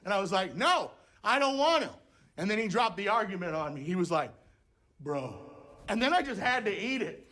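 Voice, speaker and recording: A man doing stand-up comedy, telling stories with animated, shouted impressions. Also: sits high, fairly quick. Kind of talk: stand-up storytelling.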